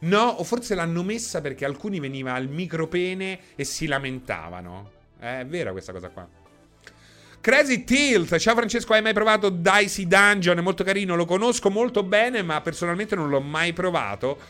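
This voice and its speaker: A man's voice: high voice, animated, moderate pace, sharp tone, faint music behind. A man chatting casually on a live stream, reading out viewers' names, laughing often.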